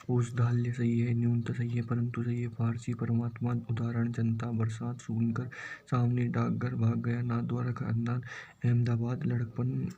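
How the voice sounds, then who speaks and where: A man with a Rajasthani Hindi accent runs through lists of correct and incorrect spellings for an exam. His voice is dark and gravelly and barely moves in pitch, and he mutters some words under his breath. Faint noise sits behind the recording. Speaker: exam coaching teacher. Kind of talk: exam-prep word drill.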